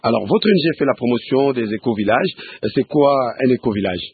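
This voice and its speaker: A man with a Congolese accent hosting a radio interview in a halting, repetitive way. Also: mid-range voice, expressive, slightly rough, no room sound. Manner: halting, repeats himself. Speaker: radio host. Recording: dry, very narrow-band radio sound.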